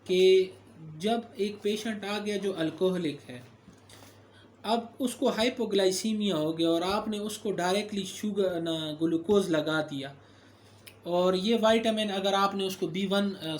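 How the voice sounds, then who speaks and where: Man, somewhat high voice, medical lecturer, explanatory delivery with fillers, faint background hiss. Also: slow. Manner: explanatory, with frequent fillers and self-corrections. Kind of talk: recorded lecture.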